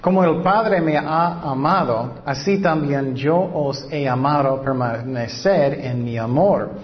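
Man preaching a sermon, dull lo-fi sound. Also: mid-range voice. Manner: poses questions to the listeners and answers them himself; reads Scripture slowly and deliberately. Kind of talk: sermon with Bible reading. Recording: dull lo-fi recording.

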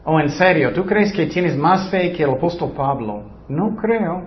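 This Bible teaching comes from a man whose voice sits on the high side, animated yet unhurried. Rhetorical questions and scornful quotations of other people's words drive his point home, captured in somewhat muffled lo-fi audio.

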